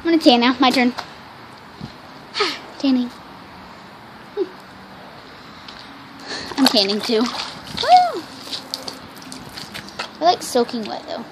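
A female voice narrating a toy role-play vlog, excitable and given to squealing cheers. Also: fairly high pitch, takes it slowly, pauses often, background noise. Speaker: toy video maker.

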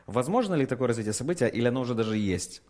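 A man hosting an online interview, asking long rambling questions with animated asides. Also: medium pitch, very fast. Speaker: interview host.

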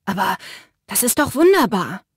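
A kind, timid young man, voiced by a woman speaks with soft earnestness. He is warm-hearted and tries to hold back his grief. Dry, close audiobook sound. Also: high-pitched, big pitch swings, normal speed, breathy edge, no echo, heavily acted. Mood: earnest.

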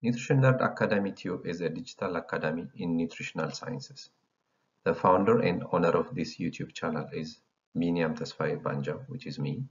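An Ethiopian man in his thirties, founder of an educational channel, reads through a slide presentation in a formal, lecturing tone. He has a deep voice and speaks fairly quickly, in a dull lo-fi voice recording.

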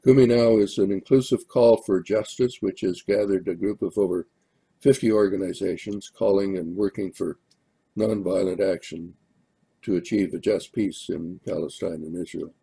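An older minister giving church announcements in a hesitant way, with many pauses and fillers. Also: male voice, low-pitched, steady tone, gravelly, mellow, slightly rough. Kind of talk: sermon announcements.

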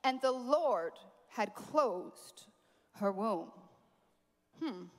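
A woman preaching a sermon at a conference, animated, with playful asides to the crowd. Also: fairly high pitch, drawn-out words, in a large hall. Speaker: conference speaker. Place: large conference hall.

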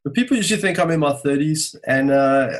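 A South African man in his forties with a Johannesburg English accent chats easily as a podcast guest. His voice sits a bit high, and he tells stories with an easy laugh. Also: expressive, fast talker, rough recording. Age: 40s. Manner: chatty storyteller, laughs easily. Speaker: guest music producer. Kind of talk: casual podcast conversation.

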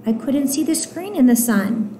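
A woman reading aloud, voicing a carefree young girl in a high, breezy childlike voice. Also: expressive, normal speed, dark tone, slight background noise. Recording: roomy echo.

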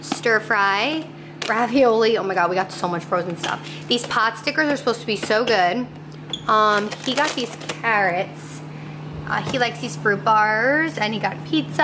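A chatty young woman talks straight into a camera she holds at arm's length, catching her audience up on her week. Her voice sits a little high, and she keeps things light with quick asides. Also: noisy background. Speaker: vlogger. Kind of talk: casual vlog chat to camera. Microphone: phone or camera held at arm's length.

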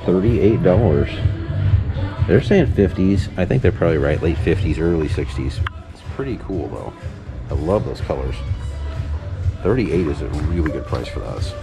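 A man's voice: sits low, animated, moderate pace, vocal fry, long pauses. A man filming a casual shopping vlog in an antique mall, chatty and enthusiastic about collectibles. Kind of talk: casual chat. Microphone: handheld camera, filming. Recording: background music over it. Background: loud background music.

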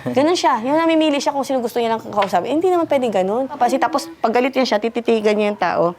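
A woman's voice: a little high, fast, darkish tone. Stern woman lecturing a youth. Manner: scolding, asks pointed questions. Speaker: parent figure counseling a youth.

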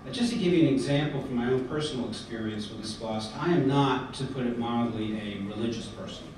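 An American man gives a prepared speech at a podium in a large hotel conference hall, earnest but full of fillers and restarts. His mid-range voice is fairly quick and darkish in tone. A far camera films him on the podium mic, so the hall sounds echoey and distant, with background noise.

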